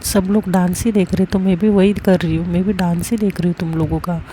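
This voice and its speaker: A middle-aged mother, curious and fussing, coaxing her daughter along, played by a woman telling the story. The low, warm voice stays even in pitch. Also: brisk, slight background noise, natural voice. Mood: concerned.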